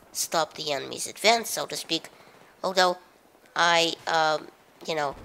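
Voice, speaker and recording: A low, gravelly woman's voice with a Russian accent narrates gameplay commentary. She talks in a dry, sarcastic way, pausing often with filler sounds. Her delivery is hesitant. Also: a bit bright, slight background noise, low-quality recording. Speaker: gaming commentator.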